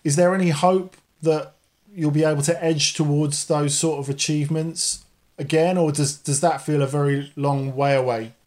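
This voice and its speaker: A man's voice: a little high, fairly even intonation, moderate pace, a little mellow. A man working as an interviewer, putting questions in a conversational way.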